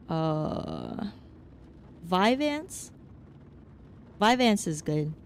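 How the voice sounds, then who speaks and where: A woman's voice: mid-range voice, a little mellow, a little hiss or hum. A young woman streaming as a VTuber, chatting casually with her chat in a rambling, frank, joking way that hops from topic to topic. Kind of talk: casual chat, answering chat while gaming.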